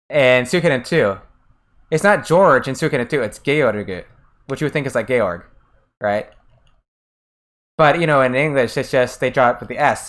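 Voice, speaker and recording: Between bouts of gameplay, an American streamer answers chat messages in casual conversation, often leaving sentences unfinished and starting again. Their mid-range voice has a fairly bright tone.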